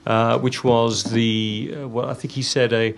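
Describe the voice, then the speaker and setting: A man's voice: medium pitch, level tone, unhurried, creaky. A man chairing a panel discussion, thinking aloud with fillers and inviting questions from the floor. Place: conference room.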